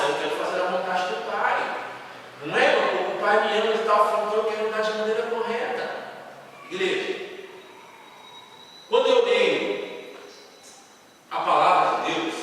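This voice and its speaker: Preaching as a pastor in a church sanctuary, this São Paulo man has a high, slightly bright voice and a Brazilian Portuguese accent. He fires many rhetorical questions at the congregation in an emphatic sermon. A distant mic in the echoey hall picks up a little hiss or hum.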